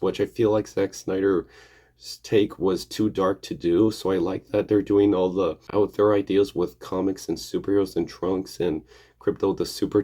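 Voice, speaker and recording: A man with a low, mellow voice that sounds gravelly and a bit hoarse, as if getting over an illness. He talks casually as a vlog host. His delivery rambles and hesitates, circling back over the same points. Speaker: video host.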